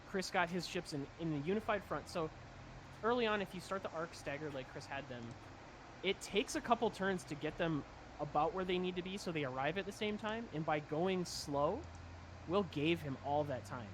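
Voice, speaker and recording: A man with a somewhat raised pitch breaks down a tabletop game move by move. He commentates in a steady, analytical way. A faint hum sits under his voice. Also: normal speed. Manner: analytical, talks through tactics at length. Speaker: co-host commentator.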